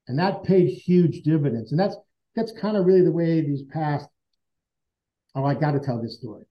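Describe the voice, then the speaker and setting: A man whose voice is a little high speaks at a moderate pace. As an interview guest, he tells an earnest, conversational personal story, acting out what was said back then. The audio is lo-fi and dull.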